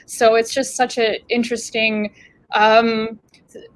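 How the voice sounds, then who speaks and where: A woman's voice: fairly high pitch, level tone, slow. Hesitant woman moderating a Q&A. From Bulgaria. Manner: hesitant, many fillers. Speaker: festival Q&A moderator. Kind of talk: moderating a filmmaker Q&A.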